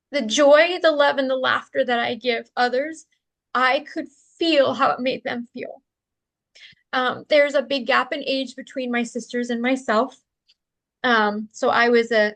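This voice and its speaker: Earnest woman with a slightly high voice. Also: a bit bright. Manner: earnest and open, with light laughs and fillers. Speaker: interview guest, spiritual practitioner. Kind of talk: personal storytelling in a conversation.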